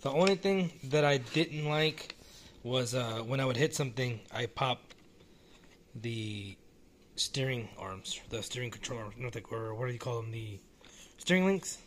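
A man casually talking through a hobby model car while filming it one-handed at home, relaxed and rambling with frequent restarts. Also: medium pitch, a little slow, a little hiss or hum. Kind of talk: casual off-the-cuff vlog. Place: small indoor room at home.

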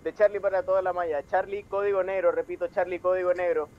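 A man's voice: high-pitched, little pitch movement, fast. A man calling in over a two-way radio, speaking in clipped radio procedure as a team member. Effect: heard over a two-way radio. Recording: muffled radio transmission with faint noise.

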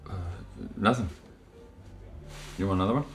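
A man's voice: lowish voice, normal speed, faint music behind, natural voice. An actor in his thirties playing an evasive, dryly sarcastic bartender. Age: 30s. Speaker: burnt-out bartender. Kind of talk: film dialogue.

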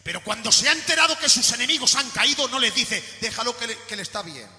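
A man from Spain preaches an impassioned sermon, swinging from shouted peaks down to low, quiet lines. His voice is very high and piercingly bright. It is recorded in an echoey church hall with a long reverb tail and faint music. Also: animated, quick pace. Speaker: pastor.

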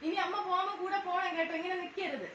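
A woman speaking in a very high, piping voice acts as a mother in a home sketch, alternately sweet-talking and scolding children in a sing-song babyish way. Her delivery is rapid-fire and a bit bright; she's far from the mic in an echoey room with household noise, and the highs are cut off.

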